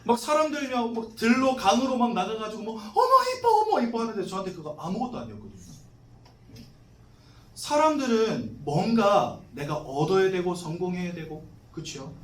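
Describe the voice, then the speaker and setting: Male pastor in his forties with a high, animated voice. Casual, questioning sermon, recorded from afar in a roomy hall. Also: moderate pace, recorded from a distance. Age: 40s. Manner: conversational, asks the congregation questions, jokes. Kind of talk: sermon to new members. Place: church hall.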